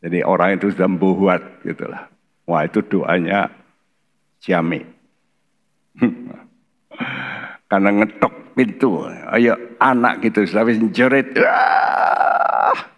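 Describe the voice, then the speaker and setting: A man's voice: sits low, unhurried, long pauses. An older man with a Javanese accent preaching a sermon in church, telling folksy stories and acting out the voices in them. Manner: folksy storytelling, acts out voices in his stories. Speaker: pastor.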